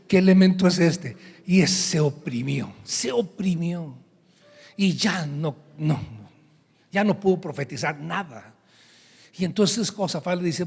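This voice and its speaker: A male pastor giving a lively sermon, telling a story and acting out the characters' lines. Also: sits high. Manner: animated storytelling, acts out the prophet's lines. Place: church sanctuary. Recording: preaching in a reverberant hall.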